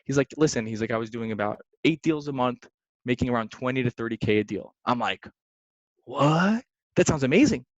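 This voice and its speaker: A young man, a real estate investor, telling stories in a casual podcast chat, slangy and lively, calling people "man" and "dude". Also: medium pitch, quick pace, no room sound. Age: young adult. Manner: animated, slangy, says "man" and "dude" often. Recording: dry, slightly dull sound.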